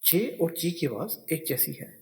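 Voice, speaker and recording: A man's voice: fairly high pitch, big pitch swings, normal speed, vocal fry, a little mellow. A man teaching English spelling and pronunciation, spelling words out letter by letter. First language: Urdu.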